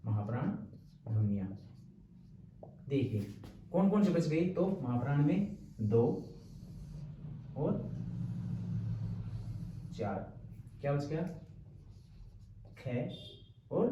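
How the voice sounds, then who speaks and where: A man teaching an exam-prep lecture, patient and repetitive, often pausing to check in with his listeners. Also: mid-range voice, big pitch swings, dark tone, lo-fi sound, a little hiss or hum. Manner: patient, repeats terms and checks in with "ठीक है". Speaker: Hindi teacher. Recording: roomy, distant from the mic.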